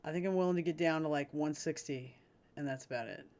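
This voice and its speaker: A woman's voice: low-pitched, quick pace, a little mellow. A woman livestreamer chatting casually with her audience, frank and rambling, swearing freely and laughing often. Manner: laughs often between sentences. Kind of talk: casual chat with a live audience.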